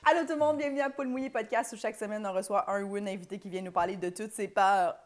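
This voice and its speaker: A young adult woman with a Quebec French accent co-hosting a comedy podcast, chatting casually with lively, joking asides. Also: mid-range voice, quick pace, faint music behind. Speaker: podcast co-host.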